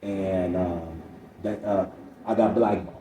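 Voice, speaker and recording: A deep, mellow voice belongs to a middle-aged man guesting as a comedian on a podcast, frankly recounting stories and quoting people. His tone is steady and his pace measured. Echo from the room, a distant microphone, and faint noise color the recording.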